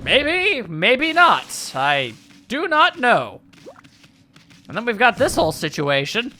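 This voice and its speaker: Male let's player: lively, bright-voiced, wry, joking gameplay commentary, thinking aloud. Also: very high-pitched, takes it slowly, soft background music. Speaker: video game let's player.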